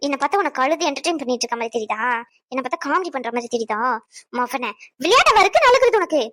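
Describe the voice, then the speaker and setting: A woman's voice: high voice, sing-song, fast talker, fairly bright tone. A woman voicing a mischievous young married woman in a cartoon who needles and pleads whiny. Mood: indignant. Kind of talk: cartoon voice acting.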